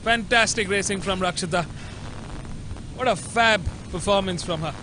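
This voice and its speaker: A man with an Indian accent calls a live motorsport race. His voice sits very high for a man, with an emphatic announcer's delivery. Engine and trackside noise is clearly audible behind him. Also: normal speed.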